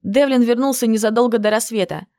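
A woman's voice: a little high, fast, darkish tone, no echo. Emotive woman narrating an audiobook. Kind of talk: first-person scripted narration.

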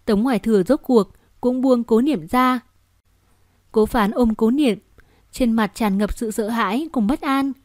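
A woman narrating a romance novel as an audiobook, in a steady, expressive storytelling manner. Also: fairly high pitch, unhurried, no room sound, clean studio sound. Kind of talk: scripted narration.

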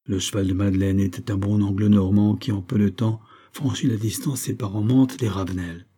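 A male audiobook narrator reading a novel in a measured, expressive way. His voice is low and dark, with a husky grain. The reading stays steady and scripted.

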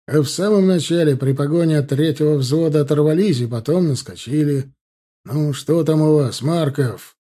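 A man reading the part of a stern cavalry captain who barks orders at his squadron, his voice mellow and husky. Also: a little high, normal speed, close to an everyday voice. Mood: commanding. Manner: barking commands.

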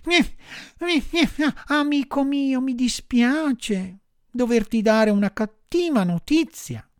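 A kind little female marmot, as a male reader puts her on, speaks in a very high, thin voice, soft and sorrowful as she consoles. Her tone swoops widely in a storybook reading. The sound is dry and close. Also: big pitch swings, slow pace, no echo, exaggerated voice.

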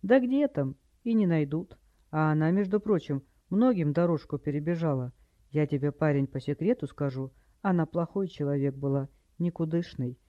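A man's voice: fairly high pitch, moderate pace, dry recording, lightly acted. A man reading an audiobook, voicing a drunk, maudlin widower who rambles plaintively, in a dry, slightly dull recording.

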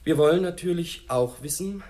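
A man's voice: fairly high pitch, normal speed, darkish tone, natural voice. An actor playing a curt, sardonic police chief briefing his task force. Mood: brusque.

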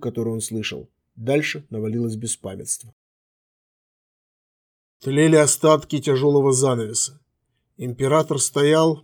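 A man narrating a fantasy audiobook in a steady, measured way. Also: mid-range voice.

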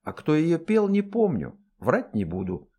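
A shrill, high, whining dwarf woman, put on by a man reading a story. She wails, begs and fawns in an old peasant way, her voice pitched far above a man's usual range. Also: wildly swooping pitch, a little slow, warm tone, breathy edge, exaggerated voice. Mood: wailing. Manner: wailing, pleading, fawning.

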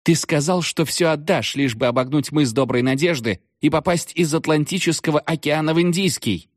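A man's voice: on the high side, moderate pace, dry recording, clean studio sound, pitched above the performer's own voice, close to an everyday voice. A man reading an audiobook voices a capricious young witch girl with a whiny, drawling, cackling manner. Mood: capricious, taunting.

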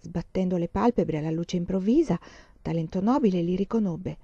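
A woman reading a novel aloud as an audiobook narrator, in a measured storytelling manner, on a dull lo-fi recording. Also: lowish voice, mellow, breathy edge, no echo. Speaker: audiobook reader.

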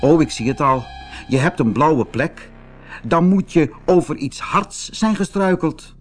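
A man voicing a brave, bossy male water rat who looks after his friend, talking in a brisk, urging way. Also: fairly high pitch, expressive, soft background music, voice pushed up. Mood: caring.

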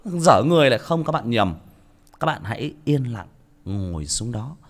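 Blunt Northern Vietnamese man, lively pitch. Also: moderate pace. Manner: blunt, outspoken, self-mocking. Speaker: audiobook narrator. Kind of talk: casual monologue to listeners.

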